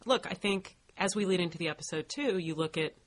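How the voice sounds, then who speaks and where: A woman with a low voice speaks as a podcast co-host. She is casual, agreeable and enthusiastic, talking conversationally over some faint background noise. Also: a little fast.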